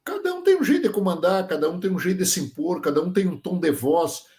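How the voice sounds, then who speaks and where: A man's voice: high-pitched, lively intonation, fast, darkish tone. A man, a guest on a podcast, explaining working dogs with farm examples and checking that the listener follows. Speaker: guest, sheep dog trainer. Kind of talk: casual podcast interview.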